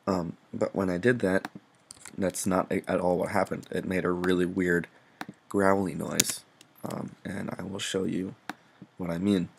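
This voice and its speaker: A little slow and flat, a young man with a deep, gravelly voice explains music production in an unscripted tutorial with slight background noise. He's relaxed and foul-mouthed and regularly pokes fun at himself.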